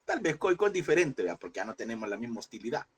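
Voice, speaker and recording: A man's voice: medium pitch, sing-song, fast talker, breathy edge. A man teaching a Bible class in a preaching style, emphatic and repeating phrases, often calling listeners brother.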